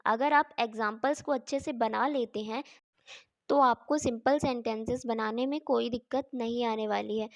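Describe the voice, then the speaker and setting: A woman's voice: high-pitched, dry recording. A woman teaching English grammar in Hindi, spelling words out letter by letter and asking questions she then answers herself.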